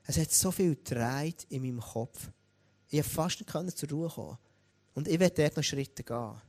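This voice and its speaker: A man with a Swiss German accent preaching a sermon, talking straight to the congregation in a lively way. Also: fairly high pitch, normal speed. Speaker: pastor.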